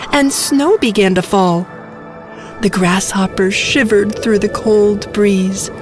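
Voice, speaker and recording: A woman narrating a scripted bedtime story for children. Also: mid-range voice.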